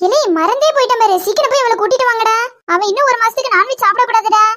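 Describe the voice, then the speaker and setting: Woman voicing a gossipy cartoon village mom, really high voice, kanyakumari accent, kinda bossy. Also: racing, fairly bright tone, a little hiss or hum. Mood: gossiping. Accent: Kanyakumari Tamil. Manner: chatty, scolding, calls others with "ilē". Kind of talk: cartoon voice acting.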